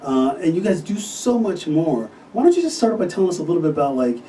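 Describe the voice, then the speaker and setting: A man, a physician, hosting a casual podcast interview and talking with enthusiasm, often pausing on fillers. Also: a little high, very animated, mellow. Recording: distant mic with faint noise.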